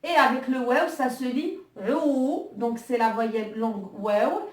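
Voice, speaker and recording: High-voiced woman teaching, echoey room. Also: expressive, moderate pace, distant mic. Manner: patient, with frequent hesitations. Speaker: Arabic teacher. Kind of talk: online language lesson.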